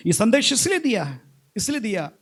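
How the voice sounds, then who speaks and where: Man, pastor, high voice, church sermon, call-and-response scripture reading, hallelujahs. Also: big pitch swings, a little fast, a bit bright, husky. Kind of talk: Hindi sermon.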